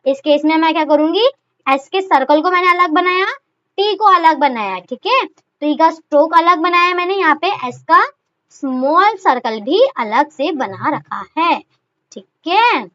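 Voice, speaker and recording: High bright-voiced woman teaching shorthand. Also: lively intonation, unhurried. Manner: chatty, repeats rhetorical questions and okay. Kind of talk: explaining a lesson step by step. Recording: dull lo-fi recording.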